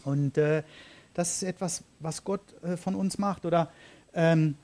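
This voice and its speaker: A man's voice: on the high side, steady tone, measured pace, dark tone. Conversational German man preaching a sermon. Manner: conversational, frequent "ja" and "ähm" fillers.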